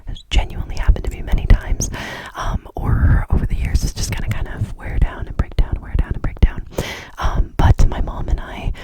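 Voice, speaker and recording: Fast whispering ASMR ramble, chatty and repetitive. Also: low-quality recording. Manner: repeats words and phrases over and over in quick whispered runs; casual, chatty, informal. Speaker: ASMR creator.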